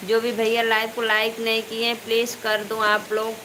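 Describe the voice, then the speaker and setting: A live stream host and folk singer from eastern Uttar Pradesh, India, chats casually with viewers by name in an Awadhi-tinged Hindi accent, speaking loudly over heavy rain while indoors at home. Her voice is fairly high and monotone at a moderate pace, with faint rain noise in the background.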